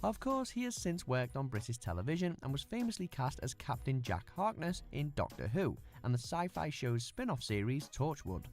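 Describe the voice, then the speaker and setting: A man's voice: medium pitch, big pitch swings, normal speed, hardly any pauses, darkish tone. A man giving scripted narration for a countdown video, in an upbeat, punchy and wry delivery. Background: faint music.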